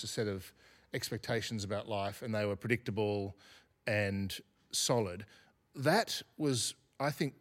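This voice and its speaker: A man speaking as a guest academic in an interview, reflective and unhurried, often restarting his sentences. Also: lowish voice. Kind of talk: thoughtful podcast interview.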